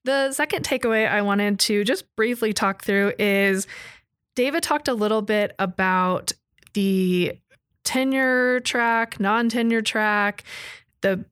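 A woman's voice: medium pitch, slow pace, clear, resonant tone, no room sound. Woman podcast co-host, dry close sound. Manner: explains ideas in a steady, conversational way. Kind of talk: casual chat.

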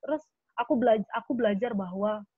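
A young adult woman speaking as a guest in an earnest, animated casual chat with many fillers. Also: on the high side, fairly quick, slightly rough, no room sound. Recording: tinny phone-like line.

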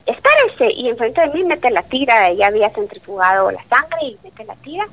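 Speaking fairly quickly in a slightly high voice, a woman doctor in her late thirties shares a moving testimony of faith during an interview. She tells it with animation, performing the dialogue herself, over a rough recording.

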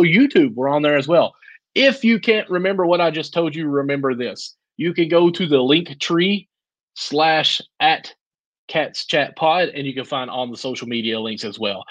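A man's voice: fairly high pitch, moderate pace, no echo, low-quality recording. A man co-hosting a casual podcast, making upbeat, joking plugs for the show. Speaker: podcast co-host.

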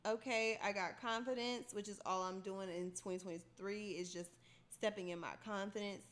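A woman's voice: mid-range voice, fairly even intonation, moderate pace, a bit bright. A young woman co-hosting a podcast, chatting casually in a playful, emphatic way. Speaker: podcast co-host. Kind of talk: casual chat.

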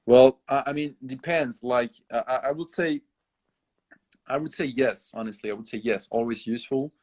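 A man from France chatting casually, halting and repeating words as he searches for the right phrasing. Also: mid-range voice, darkish tone. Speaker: conversation partner. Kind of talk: casual multilingual chat.

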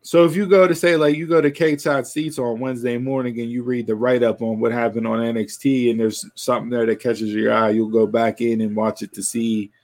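A man's voice: medium pitch, little pitch movement, brisk, few pauses, a little mellow. A man hosting a casual wrestling talk show, rambling and restarting his sentences.

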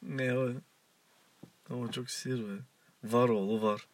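A man's voice: medium pitch, fairly even intonation, unhurried, no room sound. A man co-hosting a casual chat show, teasing, giggling and cutting in. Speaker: co-host.

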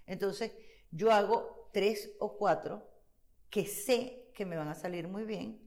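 An actress chatting as a guest in an interview, lively and quick to laugh, breaking into accent impressions. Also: female voice, medium pitch. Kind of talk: casual interview chat. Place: studio in Chile.

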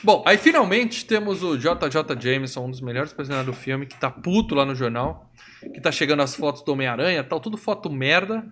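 Fast-talking Brazilian man retelling a movie. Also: a little high, expressive, fairly bright tone, a little hiss or hum. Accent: Brazilian Portuguese. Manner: retells scenes with acted quotes, joking. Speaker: podcast host. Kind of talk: casual movie review chat.

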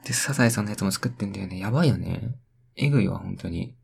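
Rambling young man with a gravelly voice. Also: sits low, quick pace, darkish tone, slight background noise. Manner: rambling, talks to himself, plays with words in sing-song repeats. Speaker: podcast host. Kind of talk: rambling solo radio talk.

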